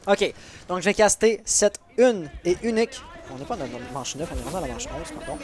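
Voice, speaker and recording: A man's voice: high voice, very animated, brisk. A man casting an esports match solo on his stream, chatty and answering chat between plays. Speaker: esports caster. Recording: game gunfire noise behind.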